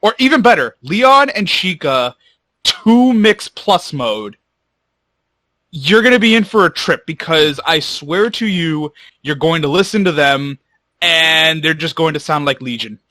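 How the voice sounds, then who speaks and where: A man with a somewhat high, bright, sharp-edged voice chats casually on a podcast. He stammers as he starts his sentences and talks bluntly, with the odd curse. The sound is close and dry. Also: animated, measured pace, no room sound. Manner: stammering restarts, blunt and swearing. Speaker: podcast co-host.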